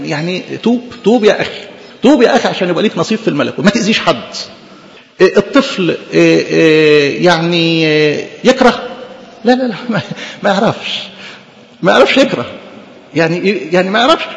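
A man with an Egyptian accent preaching a sermon in an animated, conversational way, full of rhetorical questions. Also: high-pitched, gravelly, big-room sound, dull audio. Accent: Egyptian Arabic.

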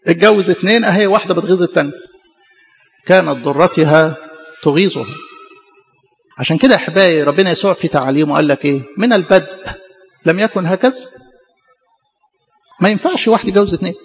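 Egyptian priest sermon: high gravelly voice, earnest and repetitive, dull recording with long hall reverb. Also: male voice, expressive, racing. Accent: Egyptian Arabic. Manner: earnest, repeats phrases for emphasis.

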